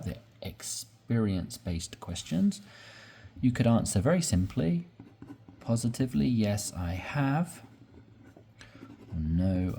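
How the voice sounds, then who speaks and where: A man teaching English, slowly explaining sentence patterns and repeating examples with patience. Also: on the low side, mellow, a little hiss or hum. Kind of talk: slow explanatory lesson.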